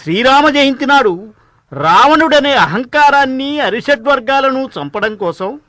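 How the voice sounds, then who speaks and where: An actor playing a learned male priest who explains things in a measured way. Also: very high voice, expressive, pushed and bright, no room sound, clean studio sound, heavily acted. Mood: explaining. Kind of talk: devotional drama dialogue.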